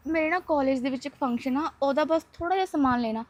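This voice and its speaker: A woman's voice: high-pitched, quick pace, no room sound, close to an everyday voice. A woman playing a soothing young college girl. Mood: coaxing. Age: young adult. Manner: soothing, coaxing. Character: caring young woman, calm and persuasive. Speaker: college student. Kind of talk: film acting.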